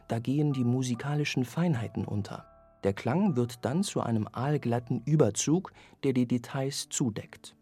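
A man reading a scripted radio review of an orchestral album in a measured, evaluative way. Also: medium pitch, dark tone, breathy edge. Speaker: music critic.

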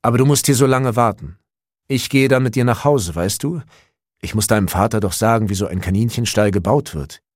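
A man voicing a bow-legged older man in an audiobook, gently persuasive and kind. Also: fairly low pitch, animated, brisk, no echo, studio quality. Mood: reassuring.

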